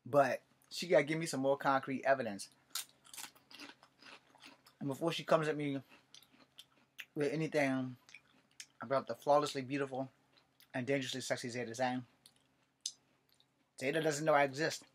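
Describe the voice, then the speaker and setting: Sitting in a cluttered bedroom, a man in his 40s on the verge of fifty vlogs casually into a webcam at desk distance, sarcastic and wry, swearing now and then. His mid-range voice has fairly even intonation and a moderate pace with long pauses, over slight background noise.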